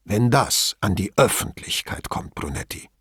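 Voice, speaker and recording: In an audiobook, a man performs a pompous police chief with an exaggerated, husky voice that swings widely in pitch. Unhurried, he presses each point with indignation, and the close, dry recording has no echo.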